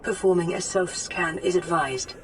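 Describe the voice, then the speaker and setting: A woman voicing a calm, gentle female care robot in a game that monitors vital signs, speaking smoothly and clinically with a synthetic computer-assistant sound. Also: on the low side, moderate pace, over music. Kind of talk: game voice clip.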